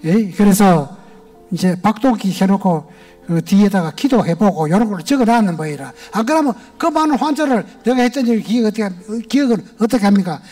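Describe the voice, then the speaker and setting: An older man with a Gyeongsang Korean accent, a retired church elder, gives a folksy, homespun personal testimony to a congregation in a large church sanctuary. His high voice is mellow yet animated, moving at a brisk pace, with faint music behind him.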